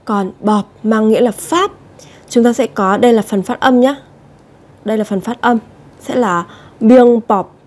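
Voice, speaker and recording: A woman gives a Korean vocabulary lesson. Her voice sits slightly high and sounds mellow and relaxed. She repeats each word patiently and often turns to her viewers with direct questions. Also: normal speed. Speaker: Korean language teacher.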